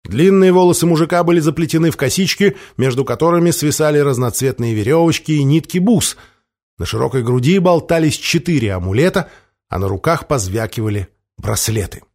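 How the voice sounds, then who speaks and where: A man narrating a fantasy audiobook in a measured, descriptive storytelling manner. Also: on the high side, animated, darkish tone. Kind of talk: scripted fiction narration.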